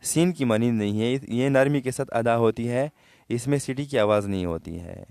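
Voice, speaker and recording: A man's voice: vocal fry, a little mellow, clear, resonant tone, no echo, clean studio sound. A man with a Pakistani Urdu accent teaching Quran recitation rules, patiently explaining letter sounds and checking that students follow. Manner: patient, checks understanding, drops low at phrase ends; slow melodic recitation in the passages he reads out. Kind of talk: tajweed lesson, explaining and modelling recitation.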